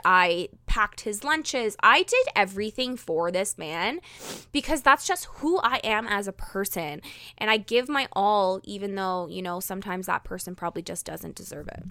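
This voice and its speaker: A young woman hosts her own podcast alone, talking candidly in a chatty stream full of "like" fillers and quick bursts. Her voice is bright and crisp, and it is recorded dry on a close microphone. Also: medium pitch, no echo. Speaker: podcast host. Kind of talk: candid solo podcast monologue.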